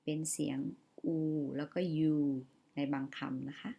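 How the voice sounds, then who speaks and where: A young woman teaching English vowel sounds, saying each example word slowly and often more than once. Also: a bass voice, flat delivery, gravelly, warm tone, slightly rough. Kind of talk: slow vocabulary lesson with spoken word examples.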